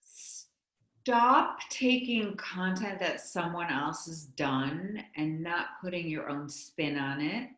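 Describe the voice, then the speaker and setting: A woman's voice: on the low side, slow, fairly bright tone. A woman guest on a podcast interview, talking candidly and chattily, with lots of likes. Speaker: guest, content creator. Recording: roomy echo.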